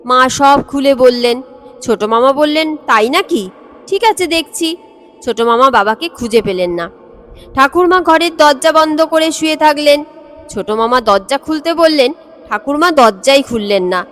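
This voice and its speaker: A woman narrating a comic story, with steady storytelling and small pauses. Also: high-pitched. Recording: long hall reverb.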